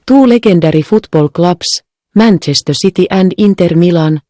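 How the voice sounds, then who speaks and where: A synthetic woman's voice with a Finnish accent, narrating a movie trailer in an even delivery. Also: lowish voice, moderate pace, no echo, studio quality, close to an everyday voice.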